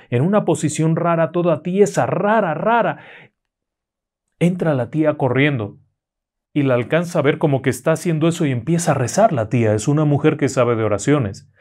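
A man narrating a horror story in a slow, dramatic way. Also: on the high side, darkish tone.

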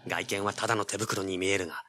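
Over dramatic background music, an actor plays a brash, cool-headed young treasure hunter and action hero, narrating his story with tense audio-drama intensity. His low voice is fast, pushed, and bright, with fairly even intonation.

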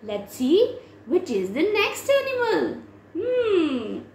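A woman's voice: very high voice, wildly swooping pitch, slow, darkish tone, slight background noise. A young woman teaching small children a rhyme in a sing-song way, as if reading to a toddler, with simple questions. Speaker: children's poem presenter, teacher. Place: small decorated indoor room. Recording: echoey room.

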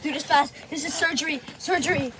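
A woman's voice: high voice, fairly even intonation, fairly quick, crowd noise. A woman acting out a playful toy skit in a bossy, dramatic voice. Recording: noisy home recording.

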